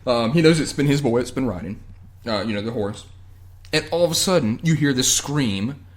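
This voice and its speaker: A man's voice: medium pitch, expressive, brisk. Dude rambling thru a tv recap on his podcast, swears a lot, lots of ums. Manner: loose and profane, many fillers. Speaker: podcast host. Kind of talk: casual chat, recapping a TV episode.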